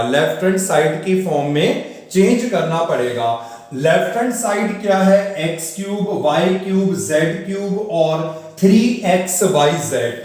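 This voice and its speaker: Slow-dictating male maths teacher, echoey room. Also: high voice, a little mellow, far from the mic. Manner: slow, dictating step by step, asks the class questions. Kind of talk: classroom lecture.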